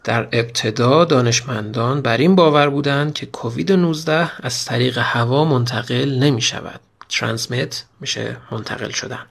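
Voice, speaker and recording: Guy teaching english words, gravelly kinda husky voice, short step by step explaining. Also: medium pitch. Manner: explains in short steps, slows down to read English examples. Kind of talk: vocabulary lesson.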